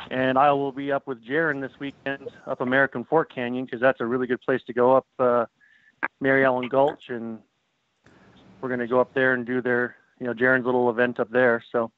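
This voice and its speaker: A man's voice: mid-range voice, no room sound. A man from Utah calling in to a live show, talking in a friendly, upbeat way. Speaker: caller. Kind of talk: casual phone call-in chat. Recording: tinny phone line.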